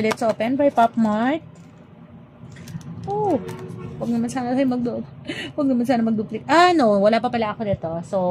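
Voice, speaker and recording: A woman's voice: mid-range voice, darkish tone, poor audio. A woman chatting casually to her viewers as she unboxes toy figures, switching between Tagalog and English. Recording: clear background ambience noise.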